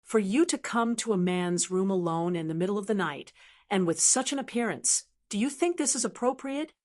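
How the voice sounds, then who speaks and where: A woman voicing a playful, sharp-tongued young woman who mocks her rival, in an audiobook. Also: medium pitch, lively intonation, normal speed, close to an everyday voice. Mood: mocking. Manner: whimsical, cynically teasing. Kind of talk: audiobook narration of dialogue.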